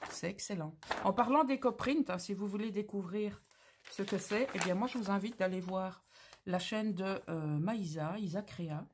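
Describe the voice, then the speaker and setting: A woman's voice: mid-range voice, normal speed, slight background noise. A woman hosting a craft channel, talking casually through an unboxing with gushing, exclamatory, slangy enthusiasm.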